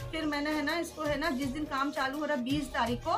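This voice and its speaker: A woman tells an interviewer her story in a high voice. She retells events step by step and quotes the others' words, with soft music under her. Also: fairly even intonation, fairly quick. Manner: storytelling, quoting others' words, frequent "haan, ji". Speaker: interviewee recounting an incident. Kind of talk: emotional first-person account.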